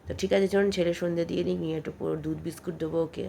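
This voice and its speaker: Fast-talking woman with a cold. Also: fairly low pitch, steady tone, gravelly, mellow, a little hiss or hum. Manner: chatty, rambling, homely. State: coughing, with a cold. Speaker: vlogger. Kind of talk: casual daily vlog narration. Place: home.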